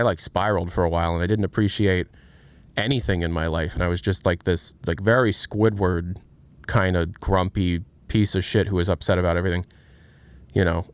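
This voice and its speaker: A man in his late twenties talks on a casual livestream, answering his chat openly and thoughtfully. He often breaks off and restarts mid-sentence. His voice sits a little low, smooth and clear, and it sounds close and dry. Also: no echo. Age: 20s. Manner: candid, reflective, halting with many restarts. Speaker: streamer.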